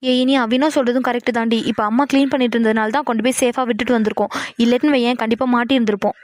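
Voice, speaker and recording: Woman for cartoon sisters, high and quick, protective pleading. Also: fairly even intonation, no room sound. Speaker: voice artist for sisters. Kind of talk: cartoon dialogue.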